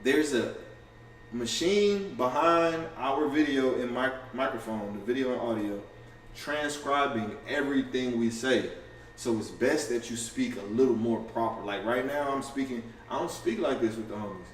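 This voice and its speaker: A man in a casual livestream to camera, talking fast and loosely with lots of slang, profanity, restarts and "you feel me" asides. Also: medium pitch. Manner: fast and offhand. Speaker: content creator going live. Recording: roomy, distant camera audio with faint ambience.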